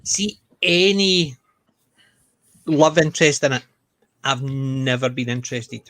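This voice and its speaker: A man's voice: medium pitch, takes it slowly, a bit bright. A man, chatting casually and bluntly with friends. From Britain. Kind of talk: casual chat.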